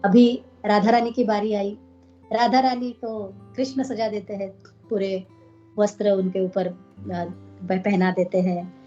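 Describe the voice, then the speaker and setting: Woman, devotional teacher, storytelling, mellow tone, faint guitar behind. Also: mid-range voice, little pitch movement, a little slow. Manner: storytelling with tag questions. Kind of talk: devotional storytelling and scripture reading. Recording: dull lo-fi recording.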